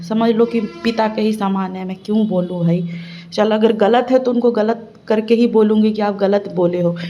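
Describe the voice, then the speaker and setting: Woman, reaction vlogger, casual commentary, indignant, scolding, mellow tone, faint room noise. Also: mid-range voice.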